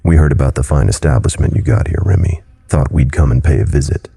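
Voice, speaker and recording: A man's voice: extremely low pitch, quick pace, gravelly, dark tone, slightly rough, full character voice. A man voicing a male private investigator playing good cop in a soothing tone. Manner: soothing, friendly.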